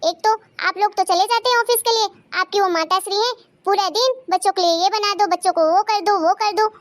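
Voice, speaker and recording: A young aunt from a cartoon story, newly married into the family, voiced by a woman. She talks in a sharp-tongued, complaining way. Her voice is high. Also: brisk, no room sound. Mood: resentful. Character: young aunt, new bride, turns resentful and harsh. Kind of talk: cartoon voice acting.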